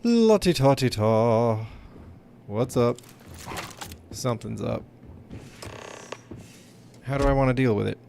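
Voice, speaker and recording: Gravelly man casually streaming a game. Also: mid-range voice, steady tone, a little slow, pauses often, background noise. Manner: playful, muttering to himself, sing-song asides. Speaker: game livestreamer. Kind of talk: casual live gameplay commentary.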